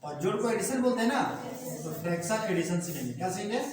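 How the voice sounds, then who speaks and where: A male maths teacher with a high voice drills his class, repeating each term and asking the students to echo it back. He is recorded from a distance in a very echoey room. The recording has steady noise behind him. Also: fast, crowd noise. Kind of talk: classroom teaching with call-and-response. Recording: echoey room, mic far off, noisy.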